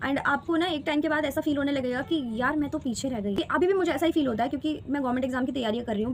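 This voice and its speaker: A woman in her twenties with a high-pitched voice shares her exam experience in a candid personal vlog, with a little hiss or hum on the recording. She speaks earnestly and reflectively, slipping English phrases into her speech.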